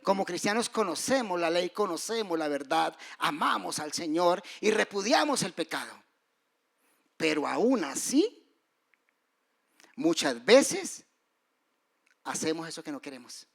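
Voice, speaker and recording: A man preaching a sermon, moving between loud rises and soft, hushed drops. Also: high-pitched, very animated, unhurried, vocal fry, long pauses. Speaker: pastor.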